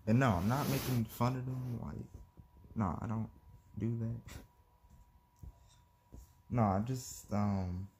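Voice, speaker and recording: Speaking slowly with long pauses, this male vlogger has a medium-pitched, somewhat dark voice, and a little hiss or hum can be heard. He rambles casually to the camera on his phone, giggling, hesitating and restarting a lot.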